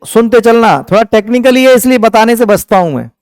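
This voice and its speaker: Male teacher from India. High, smooth voice. Fires questions at the class and answers them himself. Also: expressive, fairly quick, darkish tone, dry recording, studio quality. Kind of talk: exam-prep lecture.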